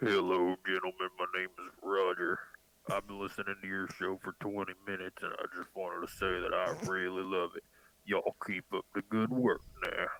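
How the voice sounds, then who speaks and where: A man's voice: deep voice, little pitch movement, normal speed, bright, forceful tone, poor audio. A man leaving a short, folksy voice message as a listener of the show. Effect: played as a voice message.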